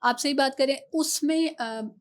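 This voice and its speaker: Higher-voiced woman explaining calmly. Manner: explanatory, mixes in English phrases; measured with hesitant fillers. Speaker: guest expert on relationships. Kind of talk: podcast interview.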